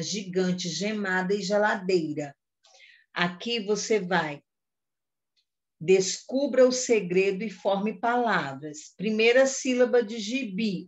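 Patient woman teaching young children. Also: mid-range voice. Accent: Brazilian Portuguese. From Brazil. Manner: patient, repeats instructions with many check-ins. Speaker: first-grade teacher. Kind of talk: online lesson for young children.

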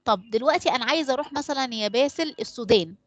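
A woman's voice: high-pitched, lively intonation, very fast, dry recording. A woman teacher with an Egyptian accent running an online class, quizzing pupils by name and leaving blanks in her sentences for them to fill in. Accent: Egyptian Arabic. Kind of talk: online class quiz and explanation.

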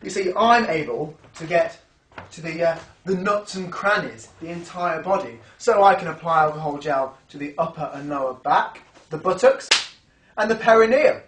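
Self-important young male doctor played by an actor, deadpan comedy interview, formal and halting, very echoey. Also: a little high, a little hiss or hum, natural voice. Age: young adult. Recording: echoey hard room.

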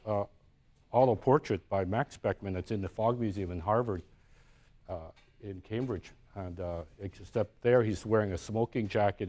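Man, artist lecturing live, somewhat low voice, conversational, restarts often, university lecture room. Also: a little mellow. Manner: conversational, often tags points with "right?"; thinks aloud with frequent restarts. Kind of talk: live lecture on his own artworks.

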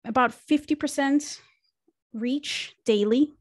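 With a high-pitched voice and a slow pace, an Israeli woman reflects on her career as a podcast guest, using fillers and restarts. She is a marketing consultant in a casual interview conversation, speaking into a studio microphone on a video call from a small home room, with no echo.

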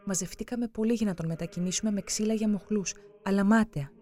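A narrator giving a solemn, measured scripted reading for a religious documentary. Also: mid-range voice, a little mellow.

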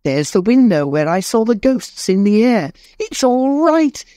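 A man doing Scrooge as an old man pitched well above his own voice, crying out in earnest pleas and bursts of feeling. It is a storybook reading with a dry, close sound. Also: measured pace, darkish tone, no room sound. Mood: overjoyed. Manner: emotional, pleading, exclamatory. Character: old man Scrooge, repentant, desperate then overjoyed.

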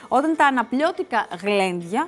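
A woman's voice: on the high side, lively intonation, soft background music. A woman hosting a TV show, talking casually to the camera in a rambling way, full of asides and restarts. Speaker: TV show host. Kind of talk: casual studio chat to camera. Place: TV studio.

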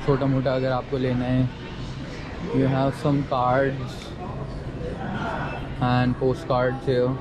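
A man's voice: medium pitch, completely flat delivery, very slow, long pauses, muffled recording, a crowd in the background. A young man, chatting casually as he walks through a large indoor train station and points things out, filmed on a handheld action camera. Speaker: travel vlogger. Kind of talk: casual walking-tour narration, mixing Hindi and English. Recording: busy station ambience behind.

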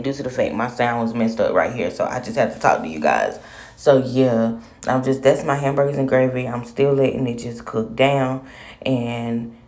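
A home cooking vlogger with a low, gravelly voice narrates a casual recipe video, chatting as she walks viewers through each step in her home kitchen.

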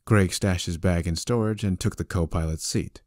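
A man's voice: low-pitched, moderate pace, darkish tone, no room sound, clean studio sound. A man narrating an audiobook in a wry, conversational storytelling manner.

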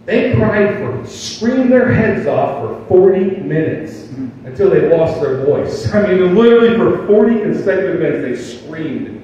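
Older male pastor, folksy sermon, raised pitch, distant mic with faint room noise. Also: big pitch swings, a little slow, mellow, lo-fi sound. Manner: folksy preaching with rhetorical questions. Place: church sanctuary. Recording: distant mic in a reverberant hall with faint ambience.

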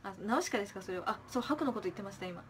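A young woman, an idol, chatting casually on a livestream, reading viewer comments aloud, chirping thanks and trailing off into soft murmurs. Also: medium pitch, lively intonation, rapid-fire, slight background noise.

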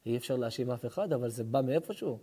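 A man giving a fervent Hebrew sermon as a rabbi, moving between forceful exhortation and soft, intimate storytelling. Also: medium pitch, lively intonation, breathy edge. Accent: Israeli Hebrew. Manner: impassioned, rising to near-shouts at the opening, then hushed and intimate. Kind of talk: sermon to a live audience.

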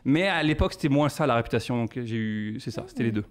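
A man in his thirties from France with a French accent, a comedian answering questions on a podcast with animated storytelling. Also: mid-range voice, fast. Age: 30s. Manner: animated storytelling with quoted asides. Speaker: guest comedian.

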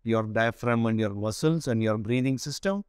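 A man's voice: lowish voice, moderate pace, darkish tone, smooth, no room sound, clean studio sound. A man in his forties giving an instructional breathing lesson in short, separated phrases. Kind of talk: spoken instructional lesson to camera. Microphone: clip-on lapel mic.

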